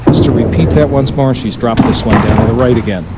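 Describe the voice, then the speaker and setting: A man giving measured, analytical bowling commentary in the restrained manner of a golf commentator. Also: medium pitch. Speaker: five-pin bowling colour commentator. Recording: noisy bowling alley broadcast.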